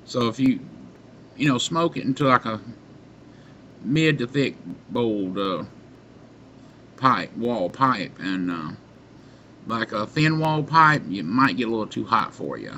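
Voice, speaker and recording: A middle-aged man reviews pipe tobacco to camera in a casual way, his delivery halting and unhurried with long pauses, in a small, dim indoor room. He has a medium-pitched, expressive voice with a sharp tone. The webcam or computer mic, held at arm's length, produces muffled audio with background noise.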